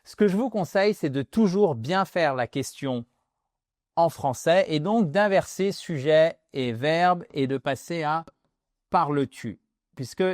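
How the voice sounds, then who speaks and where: Lively French-speaking man teaching English. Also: a little high, no room sound, studio quality. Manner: lively explaining, switches into English examples. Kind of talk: video lesson.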